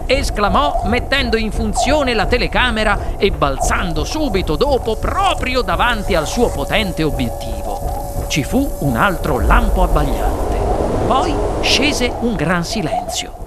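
A man narrating a children's novel aloud in an expressive, theatrical storybook reading. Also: sits high, unhurried. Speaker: audiobook narrator. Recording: music playing underneath.

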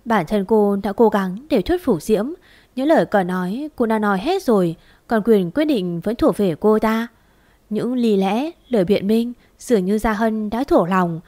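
A woman narrating a dramatic family story in a steady, expressive reading. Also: mid-range voice, no room sound.

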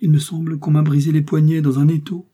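A man's voice: medium pitch, normal speed, dark tone, husky. A man voicing a cunning young noblewoman freed from captivity, with a breathless, pleading delivery. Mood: anxious, pleading.

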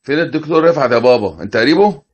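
A man's voice: medium pitch, animated, rapid-fire, highs cut off, close to an everyday voice. A man doing a stern Egyptian father. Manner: stern, reproachful. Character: stern older male neighbor, an angry father.

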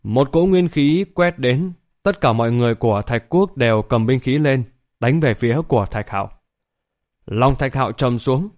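Guy narrating an audiobook, steady even reading, medium voice. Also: mid-range voice, moderate pace. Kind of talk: scripted story narration.

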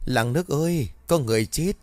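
A man's voice: medium pitch, a little fast, darkish tone, dry recording, voice pushed up, lightly acted. A man voicing a grieving, frantic old village woman who wails and pleads urgently. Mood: wailing.

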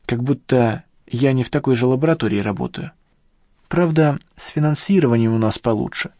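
A man's voice: mid-range voice, fairly quick, darkish tone, no room sound, studio quality, lightly acted. A man reading the lines of a persistent young woman scientist in an audiobook, with a pressing, questioning manner. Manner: pressing, questioning, near the reader's own voice.

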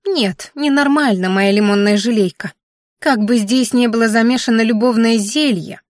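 A high, fretful little furry creature, put on by a woman reading a storybook, a fussy governess who scolds and dotes in one breath with sugary pet names. Her lines come brighter and louder than the reader's own voice, in a close, dry recording. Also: moderate pace, no room sound, lightly acted. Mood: suspicious.

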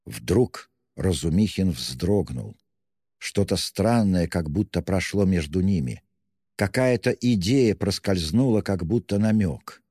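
Deep-voiced man reading a classic novel. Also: expressive, slow, mellow, husky, no room sound, clean studio sound, in a large hall. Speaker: audiobook reader. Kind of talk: scripted literary narration.

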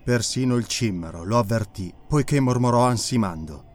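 A male narrator with a mid-pitched voice reads an adventure audiobook in a measured, expressive way. Soft music plays under the reading. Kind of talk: scripted dramatic narration.

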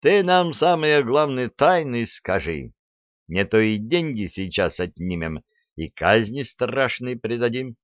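A man's voice: medium pitch, big pitch swings, measured pace, dry recording, highs cut off. A man voicing a cunning, sly male double agent who tells his story with boastful relish.

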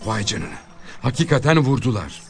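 A man voicing a mortally wounded male outlaw who talks on defiantly while dying, his voice low and subdued. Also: big pitch swings, normal speed, big-room sound, soft background music. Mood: stunned. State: dying from a gunshot.

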